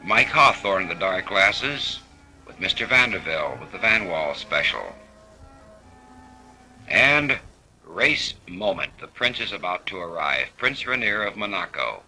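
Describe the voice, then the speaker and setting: A man narrating race footage on an old 1950s film soundtrack, relaxed and dropping wry asides. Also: low-pitched, unhurried, faint music behind. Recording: hissy, noisy vintage film recording.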